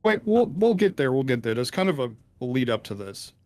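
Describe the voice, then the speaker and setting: Hacker man through a deep voice changer. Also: sing-song, fairly quick, a little mellow, no room sound. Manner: hesitant, rambling, many ums and restarts. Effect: voice changer, deep pitch-shifted. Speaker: interviewed hacker. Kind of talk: casual call-in interview.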